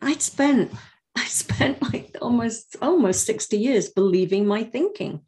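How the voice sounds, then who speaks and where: Woman in her 60s, coach, chatty and reflective, laughs easy, talks it through slow. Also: on the high side, animated. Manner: warm, reflective storytelling with frequent laughter. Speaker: life coach. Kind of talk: conversational interview.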